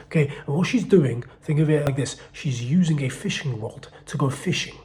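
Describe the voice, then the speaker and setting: A man giving blunt, profane dating advice in a casual monologue, swinging between loud emphasis and low muttering. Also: moderate pace.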